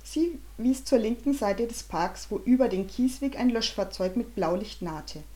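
A woman narrating a children's story aloud, with an animated, dramatic reading. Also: on the high side, moderate pace. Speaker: audiobook reader.

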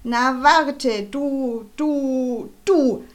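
A woman's voice: fairly high pitch, expressive, unhurried. A woman voicing a hot-tempered schoolboy bully who blusters and whines, in a storybook reading. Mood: angry. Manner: whiny, blustering.

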